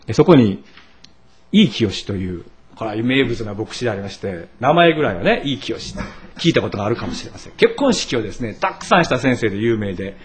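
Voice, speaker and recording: Animated male pastor preaching, lively pitch. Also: a little fast, a little hiss or hum. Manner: animated storytelling with asides and rhetorical questions. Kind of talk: sermon.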